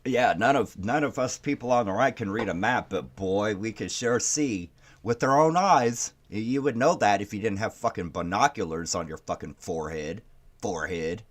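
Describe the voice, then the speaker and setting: A man with a lowish voice runs a reaction commentary over video clips. He taunts the people in them, swears freely and keeps laughing at his targets. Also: moderate pace.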